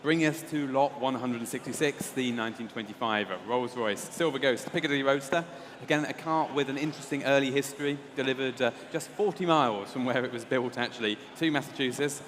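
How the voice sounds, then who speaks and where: Mid-voiced man describing auction lots off the cuff, measured and halting, with long hall reverb. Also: mid-range voice, a bit bright. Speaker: auction specialist presenting the lots. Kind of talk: semi-improvised lot commentary. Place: large auction room. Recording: echoey hall with some background noise.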